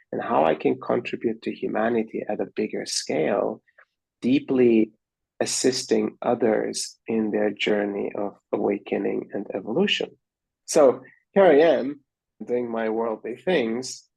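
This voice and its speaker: A man from Austria, a guest on an interview show, telling his story in an earnest, measured and searching way. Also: medium pitch, gravelly, darkish tone, husky, dry recording, rough recording.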